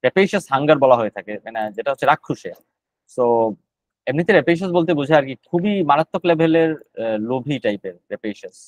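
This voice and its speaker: Guy teaching gre words in a live online class, talks quick, repeats every word a few times, dry close sound. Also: a little high, lively intonation, no room sound, poor audio. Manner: explains words in Bengali, mixing in English terms and filler sounds; repeats each word several times while explaining. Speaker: GRE vocabulary instructor.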